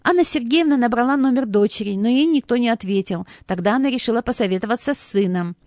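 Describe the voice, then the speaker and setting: Brief: woman storyteller, expressive steady reading, higher voice, dry close recording. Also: fast, dry recording. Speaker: narrator. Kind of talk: scripted story narration.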